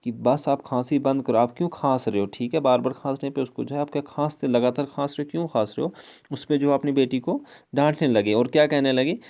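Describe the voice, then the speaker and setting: A male teacher with a Kashmiri accent reads English prose lines slowly, then explains each one at length, often checking in with "okay?". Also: mid-range voice, steady tone, creaky, darkish tone, lo-fi sound. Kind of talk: explaining an English prose lesson in Hindi-Urdu.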